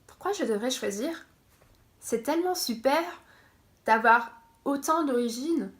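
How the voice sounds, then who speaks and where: A woman's voice: sits high, expressive, measured pace. A young woman from France chatting casually on her vlog, laughing often and correcting herself as she goes. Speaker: vlogger.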